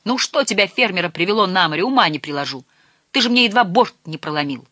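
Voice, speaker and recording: A reader voicing a short, stout, hot-tempered old fisherman who quarrels and shouts in an audiobook. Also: mid-range voice, lively intonation, fast talker, no room sound, clean studio sound. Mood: cranky.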